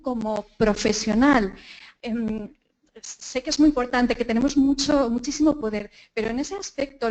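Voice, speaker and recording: A woman's voice: a little high, darkish tone, muffled recording. A woman with a Spanish accent from Spain, asking a thoughtful question from the audience after a talk.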